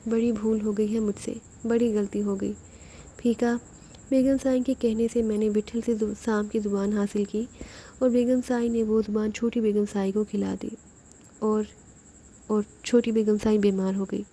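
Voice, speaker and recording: A woman's voice: medium pitch, little pitch movement, mellow, slight background noise, close to an everyday voice. A woman voicing a weeping old servant woman. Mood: pleading. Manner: tearful begging.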